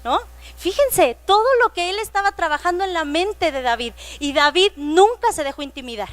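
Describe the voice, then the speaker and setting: A woman with a Mexican Spanish accent preaching a sermon, reading scripture slowly and with emphasis. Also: very high-pitched, expressive, a bit bright. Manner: acts out children's voices in retellings.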